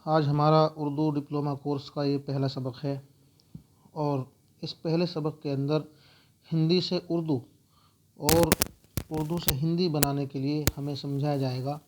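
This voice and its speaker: A man teaching a spoken alphabet lesson, going through letters slowly and repeating each sound. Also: a little high, little pitch movement, a little mellow, a little hiss or hum. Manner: slow, repetitive letter-by-letter explaining.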